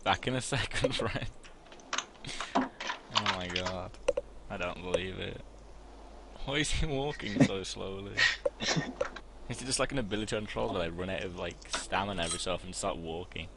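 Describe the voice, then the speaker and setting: A man in casual gaming commentary with loud, frustrated outbursts and constant swearing. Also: low voice, moderate pace, pauses often. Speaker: gamer. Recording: noisy mic with keyboard clicks.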